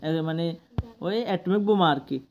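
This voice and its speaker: A teacher with a Bangladeshi accent, explaining an English text slowly, word by word, and often checking with the class. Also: mid-range voice, lo-fi sound, slight background noise. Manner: explains each word slowly, often asks "ঠিক আছে?".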